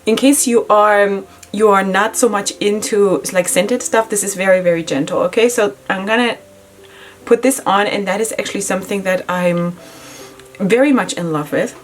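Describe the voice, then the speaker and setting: A middle-aged beauty vlogger, whose first language isn't English, chats casually through her makeup routine at a home makeup setup in Israel. She's chatty and giggles often, filling pauses with "you know" and "like," in a mid-range voice with faint music behind.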